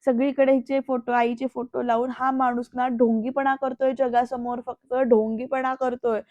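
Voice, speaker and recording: Woman voicing a furious young man, shouting. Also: on the high side, little pitch movement, normal speed, no echo, lightly acted. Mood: angry. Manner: shouting, raised voice. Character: furious young man confronting his father. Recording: dull lo-fi dry voice-over.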